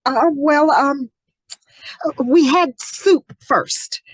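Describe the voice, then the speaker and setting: A woman's voice: high voice, very slow, no room sound, poor audio. A woman playing a fretful housewife and hostess in an amateur radio mystery. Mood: flustered. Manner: hesitant, stammering when questioned. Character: shocked, fretful housewife hostess and new widow.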